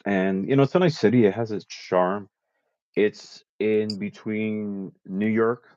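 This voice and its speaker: A man's voice: on the low side, a little slow, darkish tone, no room sound, highs cut off. A man of about fifty from Puerto Rico, a guest in a casual chat, talking at length and listing facts one after another. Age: around 50. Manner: chatty, lists facts at length.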